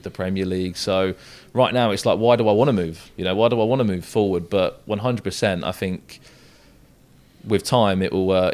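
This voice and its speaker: Speaking casually as a podcast guest, this young esports commentator hails from the south coast of England and has a southern English accent. His voice is deep with a darkish tone.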